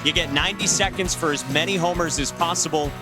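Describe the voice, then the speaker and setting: A man calling a youth baseball home run derby as play-by-play announcer, upbeat and brisk. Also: a little high. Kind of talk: sports broadcast commentary. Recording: music bed behind the voice.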